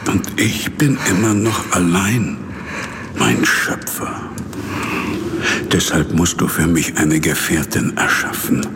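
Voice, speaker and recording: A man's voice: sits low, noisy background. A man playing a lonely, misshapen monster in an audio drama, brooding, bitter and anguished. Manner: slow, brooding, swelling into anguished outbursts. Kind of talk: audio drama acting and narration.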